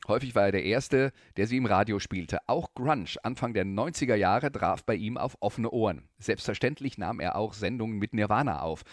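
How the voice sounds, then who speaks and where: A man hosting a radio music show, telling a music story between songs in calm, scripted narration. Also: lowish voice, no room sound, studio quality.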